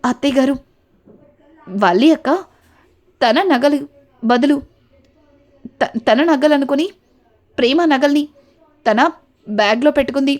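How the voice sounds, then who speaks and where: A woman voicing a calm young woman who lays out the truth to her mother-in-law. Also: high voice, measured pace, long pauses. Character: young woman, calm, clever sister-in-law exposing lies.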